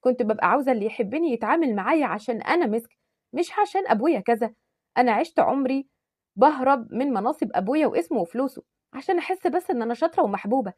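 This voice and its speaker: A woman voicing a stubborn, sharp-tongued young woman with an Egyptian accent in a told story. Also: fairly high pitch, breathy edge, dry recording, studio quality. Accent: Egyptian Arabic. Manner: sharp, indignant.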